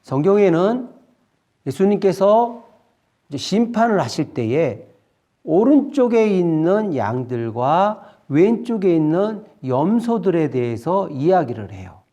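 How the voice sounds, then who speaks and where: A man delivers a children's sermon in a slightly high, mellow voice. His pitch swings widely as he tells the story, and his unhurried pace suits a young audience he calls his friends. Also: muffled recording. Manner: slow, expressive storytelling addressing children as friends. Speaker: children's ministry preacher.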